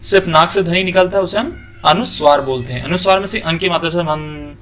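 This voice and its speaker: Male teacher, fairly high voice, explains step by step with questions of his own. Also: a bit bright, a little hiss or hum. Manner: asks questions and answers them himself; draws out example sounds slowly. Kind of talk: classroom lesson.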